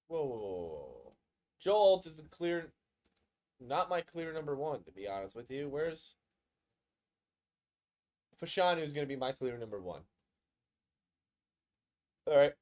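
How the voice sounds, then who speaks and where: A man hosting a casual sports commentary video, excitable and conversational, often repeating himself. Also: mid-range voice.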